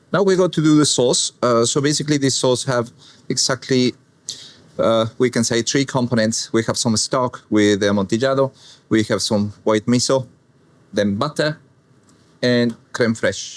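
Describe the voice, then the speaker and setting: A man from Argentina speaking English with an Argentine Spanish accent, calmly talking a viewer through a cooking demonstration. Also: medium pitch, no echo. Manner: unhurried, plain non-native English with calm explaining. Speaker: chef.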